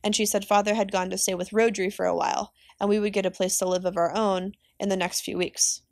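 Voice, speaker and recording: A woman teacher reading a novel aloud for her class in a steady, plain way. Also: mid-range voice, fairly quick, dry recording, studio quality.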